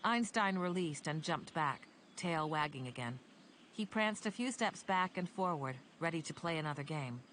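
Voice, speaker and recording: A woman narrating an audiobook in an even, measured reading. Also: low voice, slight background noise.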